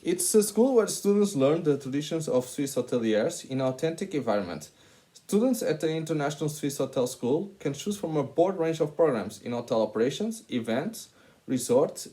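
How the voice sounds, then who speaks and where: A man's voice: medium pitch, sing-song, a little fast, dark tone. A man in his twenties from Portugal with a Portuguese accent, giving a hesitant presentation full of filler sounds. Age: 20s. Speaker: hospitality master's student. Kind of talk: presentation to camera.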